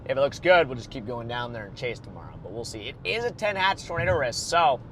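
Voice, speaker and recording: A man's voice: medium pitch, sing-song, fast, fairly bright tone, slight background noise. A man livestreaming storm chasing from a moving car, thinking aloud in casual, rambling commentary full of fillers. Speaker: storm chaser streaming live.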